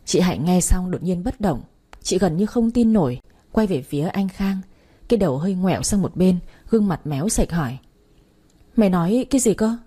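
A woman narrating a dramatic audiobook story in a steady voice. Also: fairly low pitch, moderate pace, slightly rough.

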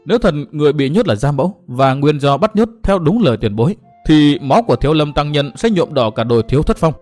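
A man's voice: a little high, lively intonation, fast, a little mellow, faint music behind, close to an everyday voice. A proud young swordsman in a martial-arts audio story, voiced by a male narrator close to his own voice. His words come out cold, terse and formal.

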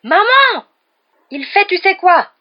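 A woman's voice: mid-range voice, quick pace, close to an everyday voice. A woman reading a storybook aloud, voicing a plump, cowardly, taunting boy with a whiny, mocking voice. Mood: screaming. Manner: whiny and mocking, turning to panicked shrieks. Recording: dull lo-fi recording.

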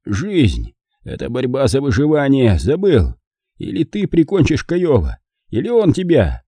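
A man's voice: mid-range voice, wildly swooping pitch, mellow, slightly rough, no echo, clean studio sound, pitched above the performer's own voice, exaggerated voice. A man playing a dying frontier uncle, grim. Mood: weak. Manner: weak, halting, grim. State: dying, coughing. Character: dying older frontiersman uncle, gruff and stoic.

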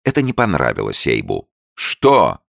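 A very deep-voiced man reads a novel aloud in an expressive storytelling manner. His gravelly voice swoops widely in pitch. The recording is dry and close. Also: normal speed, no room sound. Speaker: audiobook reader. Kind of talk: scripted literary narration.

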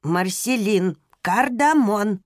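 A woman's voice: medium pitch, lively intonation, measured pace, darkish tone, no room sound, studio quality. A woman voicing a short, grumpy and forgetful old woman who grumbles and insists. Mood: insistent. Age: older.

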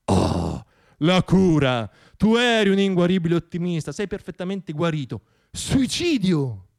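Performing an ironic, dramatic radio theatre monologue, a man swings between hushed tones and declamation as he satirizes his subject. His voice sits high and sing-song, a little slow, with vocal fry.

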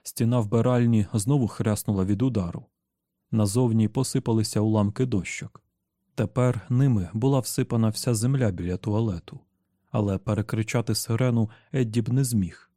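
Mellow-voiced male audiobook narrator, dry booth. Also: lowish voice, no echo. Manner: steady, measured storytelling. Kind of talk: scripted narration.

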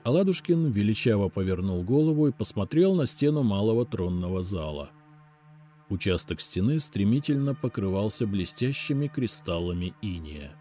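A man narrating a story in the first person, in an expressive, lively storytelling manner. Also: fairly low pitch, normal speed, faint music behind. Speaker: audiobook narrator.

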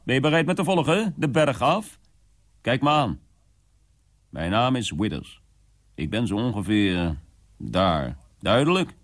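A man voicing an eccentric older man in a radio drama, barking erratic commands at a youth. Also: on the low side. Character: eccentric, ranting older man, lord of his room.

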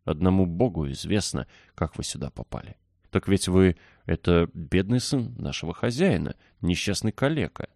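A man voicing a gruff old male gardener in a storybook reading, hoarse and wheezing. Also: low voice, lively intonation, moderate pace, a little mellow, dry recording, studio quality, full character voice. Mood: stunned. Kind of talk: audiobook character voice.

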